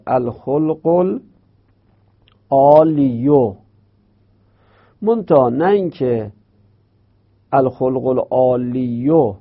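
A man teaching Arabic grammar, explaining step by step and repeating and drawing out terms. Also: mid-range voice. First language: Persian. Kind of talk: explanatory lesson. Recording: dull lo-fi recording.

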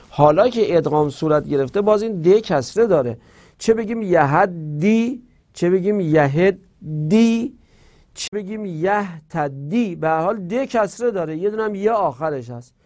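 A male teacher giving a grammar lecture, reciting verb forms in slow drills and posing rhetorical questions. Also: fairly high pitch, dark tone.

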